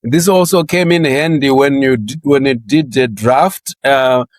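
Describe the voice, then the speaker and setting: A Zimbabwean man in his sixties, a guest in a career interview, speaks a little slowly in a mid-range voice that sits right in the middle for a man. He's loose and chatty, often laughing and stumbling over repeated words as he starts his thoughts. The sound is close and dry, without room echo.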